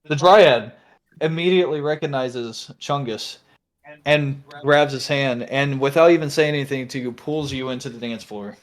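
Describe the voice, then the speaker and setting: A man improvising narration as a tabletop game master, halting often as he searches for words. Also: medium pitch.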